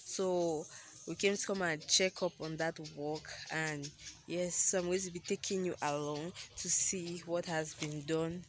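A woman from Cameroon gushes through a slow, low-pitched house-tour vlog, filmed on a low-quality old phone. The sound is hissy and noisy, bouncing around bare, echoey rooms. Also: fairly even intonation. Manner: gushing, exclaims wow and oh my god. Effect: low-quality old phone recording. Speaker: vlogger. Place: empty newly tiled rooms of a house, indoors. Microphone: handheld old phone.

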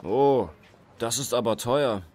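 A man acting a polite shopper at a market in a scripted language-lesson dialogue, speaking slowly and deliberately. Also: medium pitch, a little mellow. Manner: slow, deliberate learner-friendly delivery.

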